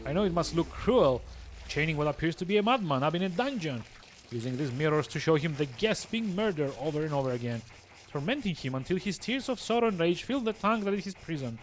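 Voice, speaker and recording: A man's voice: a little high, very animated, a little fast, a little hiss or hum, pitched above the performer's own voice. Man voicing a pompous, smug masked game villain. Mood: bored, smug. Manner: pompous, languid, theatrically menacing. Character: smug, bored male villain in a golden mask. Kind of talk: reading video game dialogue aloud.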